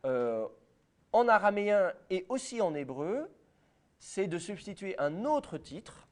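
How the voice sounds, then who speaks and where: A man with a French accent lectures a university class, addressing the students directly and filling pauses with hesitations. His voice sits a little high and swings widely in pitch, animated as he explains. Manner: lively, explanatory, speaks to students directly with many fillers.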